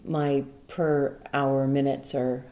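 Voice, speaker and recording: A middle-aged woman, an audiobook narrator, talking about her work in an unhurried, dry-humored way. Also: extremely low pitch, flat delivery, warm tone. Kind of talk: relaxed interview conversation.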